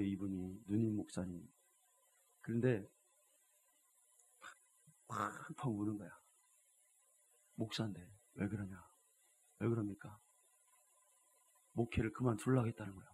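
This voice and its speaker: A man preaching a Sunday sermon in church as pastor, telling stories and swinging from hushed asides to loud exhortation, often prompting the congregation. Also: on the low side, husky. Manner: keeps addressing the congregation with rhetorical prompts.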